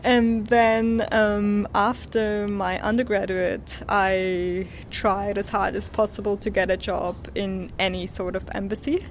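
A woman's voice: mid-range voice, level tone, slow pace, few pauses, slight background noise, poor audio. A young woman raised in Switzerland, whose first languages are Spanish and Swiss German, answering interview questions in an upbeat, chatty way with frequent laughs. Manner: chatty, upbeat, laughs often, many "like" fillers. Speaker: podcast guest.

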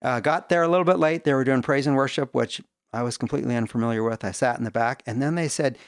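A middle-aged man recounts his story with lively energy, now and then putting on the voices of people he quotes. His voice has a gravelly edge, and the room around him sounds dry and close. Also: medium pitch, fast talker, no echo. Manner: animated, acts out quoted voices. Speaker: guest. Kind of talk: storytelling testimony.

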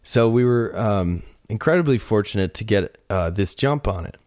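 A man with a low, deep voice tells a story in a casual podcast chat, his telling turning animated and tense with frequent restarts. The sound is dry and close, with no room behind it. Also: normal speed, no room sound. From United States. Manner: tense and animated when retelling events, with many restarts. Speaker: podcast co-host.

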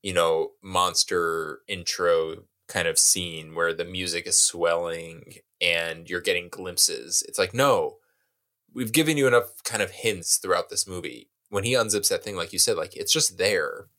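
A man with a very deep voice breaks down a movie scene on a casual podcast. He talks in a measured, reflective way, weighing why the moment works. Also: sharp tone. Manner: thoughtful, analytical. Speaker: podcast co-host. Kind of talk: casual film discussion.

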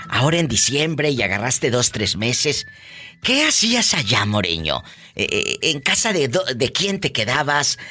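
A woman hosts lively call-in banter. Her voice is bright and swings widely in pitch as she teases and exclaims in colloquial phrases. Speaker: radio show host.

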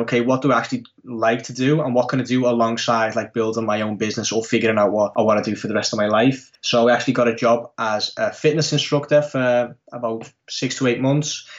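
Young English-accented man, flat delivery. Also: medium pitch, lo-fi sound. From Netherlands. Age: 20s. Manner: rambling, many fillers and restarts. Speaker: podcast guest. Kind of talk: casual interview talk.

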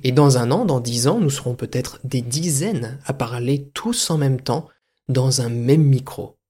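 A man hosting a comedy podcast alone, delivering an absurd monologue in a deadpan, mock-grandiose manner. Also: medium pitch, unhurried, husky. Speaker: podcast host.

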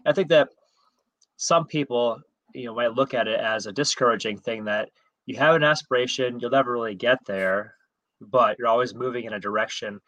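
A man's voice: mid-range voice, moderate pace, a bit bright, poor audio. A man co-hosting a casual podcast, talking in a thoughtful, reflective way.

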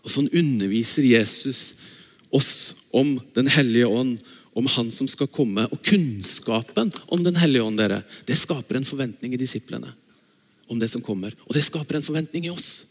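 A man preaching a sermon and reading from the Bible, enthusiastic, switching between slow reading and quick asides. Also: medium pitch. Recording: long reverb of a large hall.

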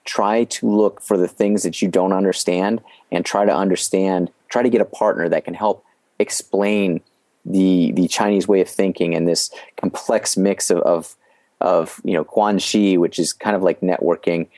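Telling stories from his business life as a podcast guest, a man speaks in a very low, slightly mellow voice with a steady tone. His delivery is measured and explanatory, though he frequently starts phrases over before finishing. The sound is close and dry, with no room sound.

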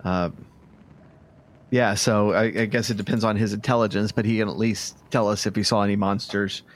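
Low male voice, casual tabletop player, stammering restarts. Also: fairly even intonation, moderate pace. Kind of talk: casual tabletop game play.

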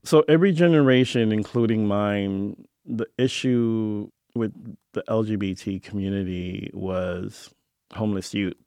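A middle-aged man from Hawaii tells stories in a low, gravelly voice. He acts out the voices of his relatives as he goes. The sound is close and dry, with no room around it. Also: unhurried, dry recording. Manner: animated anecdote teller, acting out family voices. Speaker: interviewee. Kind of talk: storytelling in a radio feature interview.

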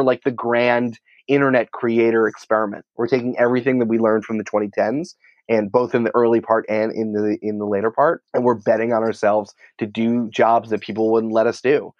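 In a lowish voice, a conversational American podcast producer and writer responds to interview questions as a guest, emphatic and informal, with "like" sprinkled throughout. The lo-fi recording is dry.

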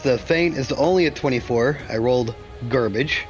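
A man's voice: mid-range voice, normal speed, lo-fi sound, soft background music. A man chatting casually as a player in a tabletop game.

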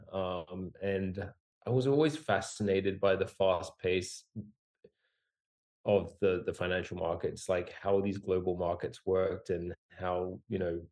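Low-voiced man, chatty and self-deprecating. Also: darkish tone. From Australia, raised in Singapore and Hong Kong. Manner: rambling, many fillers and restarts, self-deprecating humor. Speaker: podcast guest, company founder. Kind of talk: casual conversational interview.

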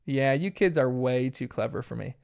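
A man's voice: moderate pace, creaky, a little mellow, clean tone, no room sound, studio quality, natural voice. A man reading as a goofy cartoon dad. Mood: fatherly. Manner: silly, slips into a high put-on voice.

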